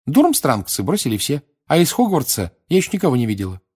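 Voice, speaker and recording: A man's voice: medium pitch, wildly swooping pitch, quick pace, darkish tone, husky, voice pushed up. A man doing a sensible teen girl. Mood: earnest. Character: clever, sensible teenage girl.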